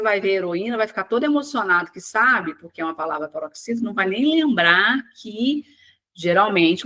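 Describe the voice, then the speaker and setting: A woman teaching an exam-prep lesson online, working through questions word by word, asking and answering her own questions and stretching key words out slowly. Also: on the low side, a bit bright. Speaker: Portuguese teacher.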